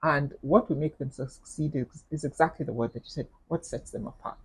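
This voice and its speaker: A middle-aged woman with a Kenyan accent, speaking as an interview guest in a measured, thoughtful way, with frequent fillers and repeated words. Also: deep voice, husky, poor audio. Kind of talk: reflective interview conversation.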